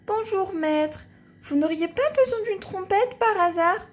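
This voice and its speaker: A woman voicing a small, eager young trumpet in a storybook, high and pleading. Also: expressive, unhurried, faint music behind. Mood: hopeful.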